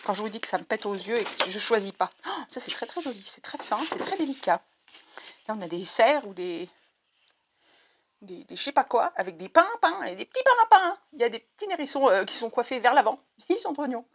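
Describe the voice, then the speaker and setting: A woman's voice: on the high side, very animated, fairly quick, a bit bright, husky. A woman on a crafting vlog, overexcited and talking through a headset, gushing and repeating her words as she chats to viewers. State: overexcited, heart pounding. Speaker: crafting vlogger. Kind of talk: excited unboxing chat.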